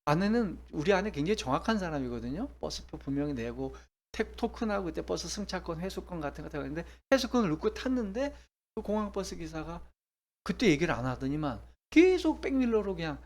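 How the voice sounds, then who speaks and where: A man's voice: on the high side, very animated, fairly quick, a little mellow. Middle-aged male pastor preaching emphatically. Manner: emphatic, rhetorical questions, acts out quotes. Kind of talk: sermon.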